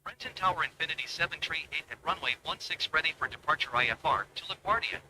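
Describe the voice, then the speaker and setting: A man giving quick, clipped pilot readbacks in air traffic phraseology, heard as a radio call over a cockpit headset. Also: on the high side, pushed and bright, poor audio.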